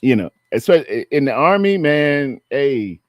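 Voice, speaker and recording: A man's voice: mid-range voice, very animated, normal speed, dry recording, studio quality. A man telling laid-back stories in casual chat, using slang. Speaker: podcast panelist.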